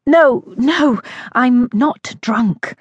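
A flustered young heroine, as a woman narrator puts her on, her voice climbing high and loud with urgency. She sounds breathless and pressed, like an audiobook character in a tight spot. The recording is close and dry. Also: extremely slow, husky, no echo, muffled recording, full character voice.

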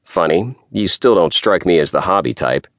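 A man's voice: deep voice, expressive, normal speed, a bit bright, no room sound, clean studio sound. A man voicing a needling, wisecracking middle-aged male lawyer with a nasal voice. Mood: sleepy teasing.

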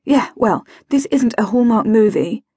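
A woman voicing a bitter, sardonic 45-year-old wife and mother who is seriously ill, speaking dryly with sharp outbursts, in a dry close recording. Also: fairly high pitch, animated, measured pace, breathy edge, dry recording, pitched above the performer's own voice.

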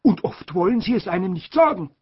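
A gushing, bossy older aunt from a storybook, voiced by a male narrator. She exclaims in a raised, high voice. The husky voice comes through dull, lo-fi sound. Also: very animated, fairly quick, no room sound, heavily acted. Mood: gushing, fussy. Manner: effusive, exclaiming.

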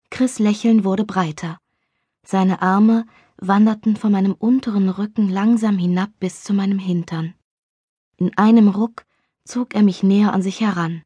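A woman reads a first-person romance audiobook in a soft, even tone, dropping to a hush at times. Her voice is breathy and mid-pitched, recorded close and dry with no room sound. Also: no room sound. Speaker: audiobook narrator. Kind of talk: scripted first-person narration.

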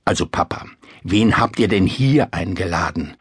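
A man voicing a sharp-tongued, theatrical young princess in a storybook reading. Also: low voice, lively intonation, normal speed, breathy edge, no room sound, clean studio sound, full character voice. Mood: mocking. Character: haughty, mocking young princess.

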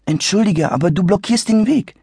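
A man's voice: high voice, expressive, moderate pace, gravelly, mellow, husky, no room sound, studio quality, voice pushed up, heavily acted. A man voicing a polite, friendly young boy in a children's audiobook.

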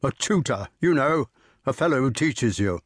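Male narrator as ponderous old storybook knight, measured, varied pitch. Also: animated, breathy edge, no echo, studio quality. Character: slow, solemn older male knight guest.

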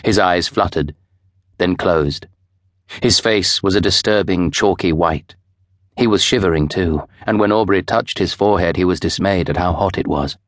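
Deep-voiced male audiobook narrator. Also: no echo, clean studio sound. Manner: measured, expressive storytelling. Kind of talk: scripted narration.

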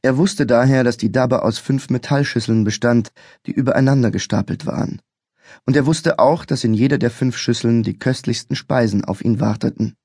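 Male audiobook narrator, measured thriller reading, medium pitch, dry studio sound. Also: warm tone, no room sound. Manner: measured, clear storytelling. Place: recording studio. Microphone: close studio mic.

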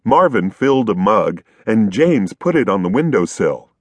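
A man narrating a children's storybook in a playful, expressive read-aloud manner. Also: on the low side, normal speed, no room sound. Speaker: audiobook narrator.

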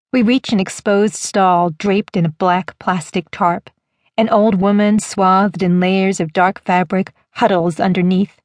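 A woman narrating a first-person audiobook in a measured, even storytelling manner. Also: mid-range voice, no room sound, studio quality.

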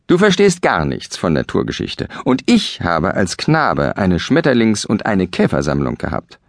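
Male reader doing a storybook husband: stubborn, excitable, raised voice, wide swings. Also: deep voice, moderate pace, no echo, clean studio sound, full character voice. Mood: indignant. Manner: insistent, increasingly heated. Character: stubborn, excitable shortsighted husband, middle-aged. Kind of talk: storybook reading.

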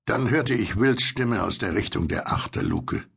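A man reading a horror story as an audiobook narrator, in a measured, suspenseful storytelling manner. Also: medium pitch, creaky, fairly bright tone, breathy edge.

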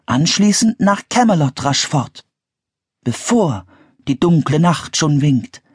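A man voicing an eager, cheerful young girl in a storybook audiobook, his voice raised high and bubbly. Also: lively intonation, takes it slowly, darkish tone, slightly rough, dry recording, studio quality, heavily acted. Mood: reciting.

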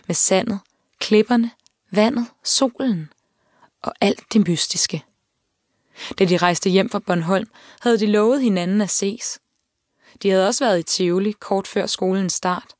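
A woman reading an audiobook, with calm, measured storytelling. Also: medium pitch, no echo. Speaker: audiobook narrator. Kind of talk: scripted narration. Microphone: close studio mic. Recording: dry studio reading.

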